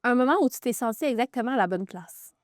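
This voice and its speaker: Woman host, curious and friendly, voice a bit high. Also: expressive, quick pace, no room sound, clean studio sound. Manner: friendly, curious questioning, laughs easily. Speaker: podcast host, interviewer. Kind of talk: casual interview conversation.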